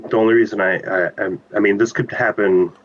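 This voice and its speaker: A man's voice: on the low side, fairly even intonation, fairly quick, slight background noise. A man playing a tabletop game on an online call, talking casually through plans with the group. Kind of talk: casual planning talk in a game. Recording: slightly muffled online call.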